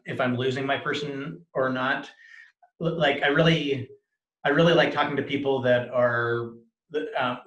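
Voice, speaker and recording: Male voice, mid pitch, roomy echo, cluttered disfluent speech, repeated words and syllables, halting restarts, conversational personal account. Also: fairly bright tone. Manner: disjointed, halting, self-correcting delivery with frequent restarts. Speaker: interviewee sharing his experience of cluttering. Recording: roomy, echoey video recording.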